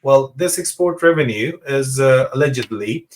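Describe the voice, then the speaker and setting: A man's voice: mid-range voice, normal speed. A man hosting a political discussion interview, probing his guest and often interjecting short acknowledgements. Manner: probing, with frequent brief acknowledgements. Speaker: host.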